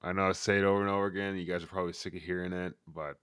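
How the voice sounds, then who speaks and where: A man's voice: low voice, level tone, rapid-fire, crowd noise. A man hosting a podcast, talking casually and enthusiastically about a TV show, rambling a little. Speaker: podcast host. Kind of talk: casual chat.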